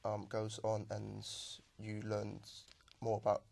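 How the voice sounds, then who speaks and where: Hesitant young man, gravelly and flat. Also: lowish voice, slow pace. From Macau. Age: young adult. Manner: hesitant, many ums and restarts. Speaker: exam candidate. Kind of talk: speaking exam answers.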